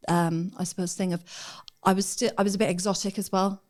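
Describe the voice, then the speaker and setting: A woman's voice: fairly low pitch, level tone, a little fast. A woman, a podcast guest telling her life story in an open, reflective way. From Ireland. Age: 50s. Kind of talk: casual chat.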